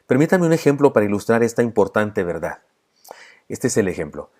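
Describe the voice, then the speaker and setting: A man with a low voice and a Mexican Spanish accent preaches a sermon. He tells a story at length, then counts off his teachings in a measured, deliberate way. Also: very animated, a little mellow. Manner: measured preaching, enumerating points one by one; storytelling retelling a film plot. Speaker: pastor. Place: church.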